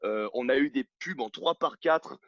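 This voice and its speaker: A man's voice: mid-range voice, normal speed, no room sound. A man from France talks from his sofa at home into his own camera, giving outspoken opinions in an interview. His delivery is blunt and emphatic, full of restarts and fillers. The sound is dry and a little muffled. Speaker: CrossFit coach and gym owner.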